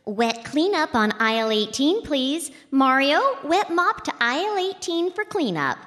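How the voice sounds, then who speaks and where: A woman playing a cheery, increasingly frazzled supermarket announcer speaking over a store PA system, with chirpy announcer patter and deadpan asides. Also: high voice, a little slow, exaggerated voice. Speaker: sketch performer. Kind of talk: live radio sketch comedy. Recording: echoey hall with music behind.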